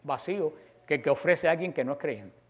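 A man delivers a sermon in a fairly high voice. He preaches dramatically, acting out the voices of the prophets, the people and God. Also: expressive, a little fast, breathy edge.

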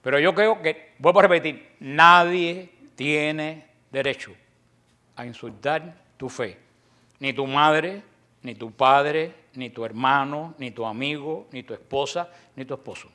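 A fiery man from Cuba preaches to the faithful in an impassioned religious talk, his accent Cuban Spanish and his pace measured. He is forceful and preachy, emphatic with sudden drops to a low voice, and slips in joking asides.

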